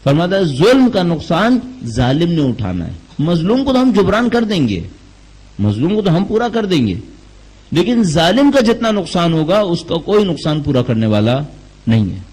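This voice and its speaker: A man's voice: on the high side, very animated, darkish tone, breathy edge, poor audio. A man delivering a Quran commentary lecture, asking rhetorical questions and telling anecdotes to make his points. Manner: rhetorical questions, tells jokes as examples. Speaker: religious lecturer.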